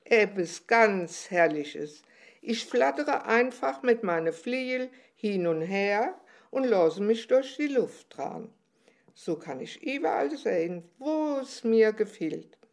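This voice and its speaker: A woman voicing a small, carefree butterfly in a spoken storybook, telling of its wandering life in a slow, dreamy way. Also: medium pitch, expressive. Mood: cheerful. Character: carefree little butterfly, cheerful, boastful wanderer.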